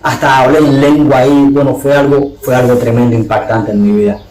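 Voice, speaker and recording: A man's voice: mid-range voice, fairly even intonation, fairly quick, darkish tone. A man giving an earnest, fervent testimony as a podcast guest, his voice climbing when he is moved. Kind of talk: emotional testimony. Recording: echoey room.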